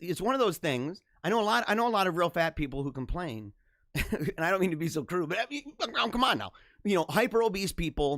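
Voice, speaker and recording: A man with a slightly high, fairly bright voice hosts a live-streamed talk show, recorded cleanly in a studio with no echo. He chats casually with viewers, reads their comments, chuckles often and repeats phrases as he goes.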